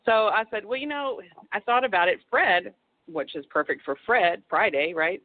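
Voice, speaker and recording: A woman author from Texas chats as a guest in a casual phone interview, the line tinny but the recording dry. Her medium-pitched voice has lively intonation and normal speed, and she wanders through restarts and asides.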